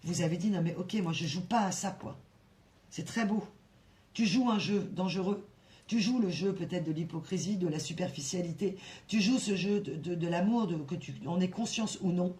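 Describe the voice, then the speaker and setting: A woman giving a spontaneous tarot reading to her viewers, her voice mellow and warm in tone. She circles back on her words, stumbles over restarts, and presses her points with emphatic little tags. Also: lowish voice, normal speed. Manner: animated, repetitive, with frequent fillers and restarts; breaks into soft sung song lines. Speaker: tarot reader. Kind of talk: casual channeled tarot reading.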